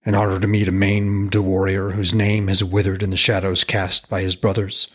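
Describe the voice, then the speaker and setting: Storybook blind ex-jarl, played by a male narrator: low, husky, grave, terse and world-weary. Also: level tone, moderate pace. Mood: bitter, resolved. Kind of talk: dramatised reading of a myth tale.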